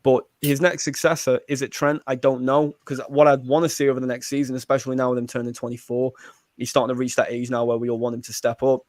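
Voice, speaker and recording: A man's voice: mid-range voice, level tone, a little mellow, dry recording, clean studio sound. A man on a football podcast panel, talking earnestly with frequent restarts. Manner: fast, earnest, stumbles on restarts. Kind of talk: casual football chat.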